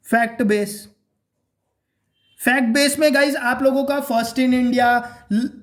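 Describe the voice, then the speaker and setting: A man giving a casual exam-prep lesson, repeating his points and checking in with "okay?" and "clear?". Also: very high-pitched, steady tone, measured pace, a bit bright, reverberant. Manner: repeats points, addresses viewers as guys and friends.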